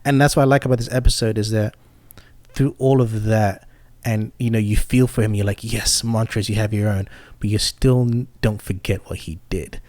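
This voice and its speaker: A man's voice: on the low side, normal speed, no echo. A man co-hosting a podcast, talking thoughtfully through a TV episode in casual chat, often backing others with "mm-hmm.". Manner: steady, thoughtful, frequent "mm-hmm" backchannels. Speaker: podcast co-host. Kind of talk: casual review discussion.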